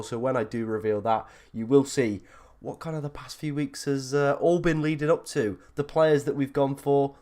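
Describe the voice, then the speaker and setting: A man hosting a casual livestream with a croaky, froggy voice from being ill, chatting informally and a little self-deprecatingly. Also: medium pitch, a little mellow. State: ill, under the weather. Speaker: livestream host.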